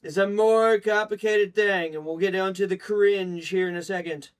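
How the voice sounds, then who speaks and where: A man's voice: high-pitched, steady tone, normal speed, clear, resonant tone. Rambling male streamer chatting casually. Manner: loose, rambling, swears and talks to chat. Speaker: live streamer. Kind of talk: casual reaction stream chat.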